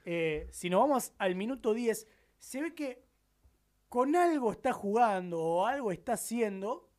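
A man's voice: high voice, animated, unhurried, darkish tone. A man with a Rioplatense accent hosting a late-night radio show, joking and rambling in casual slang. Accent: Rioplatense Spanish. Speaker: radio host. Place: radio studio.

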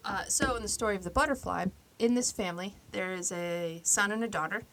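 A woman co-hosting a podcast, casually retelling a story with lively acted-out quotes. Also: mid-range voice, fairly quick. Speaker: podcast co-host.

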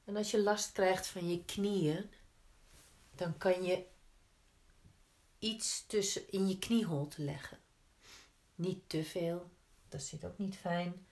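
Female yoga teacher, lowish voice, very slow and gentle guided instruction, roomy echo. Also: fairly even intonation. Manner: gentle, unhurried step-by-step guiding with pauses. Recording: roomy, echoing indoor sound.

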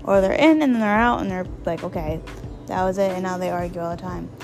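A woman with a gravelly, slightly hoarse voice, rambling informally as she gives casual advice as a solo podcast host, repeating phrases for emphasis. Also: on the low side, fast, faint music behind. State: hoarse, voice partly lost.

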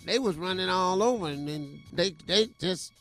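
Smooth, swaggering pimp sports pundit, played by a man, flashy and jovial, drawling slang over light music. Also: sits high, normal speed, a bit bright. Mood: boastful, playful. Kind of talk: comedic radio banter.

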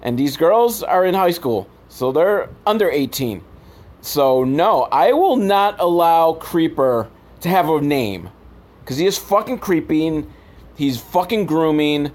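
Here a man hosts a podcast, sarcastically and profanely recapping films for laughs in a casual rant. His voice is a little high and expressive, with a darkish tone, and he keeps a measured pace.

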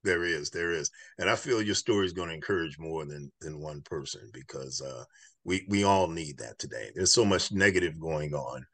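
A man's voice: very deep voice, normal speed, a bit bright, no room sound. A man hosting an interview show, encouraging his guest, often stumbling and repeating words as he asks questions. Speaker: show host. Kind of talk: interview conversation.

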